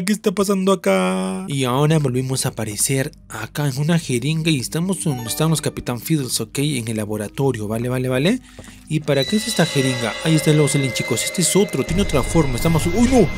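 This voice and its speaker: A man hosting a gaming video, giving excited horror game commentary and shrieking in mock panic before settling back into calm narration. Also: mid-range voice. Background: faint game music.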